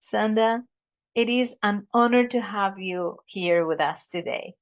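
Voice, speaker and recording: A woman's voice: medium pitch, unhurried. Effusive woman podcast host. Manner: formal, effusive introduction. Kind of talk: podcast interview hosting. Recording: dull lo-fi audio.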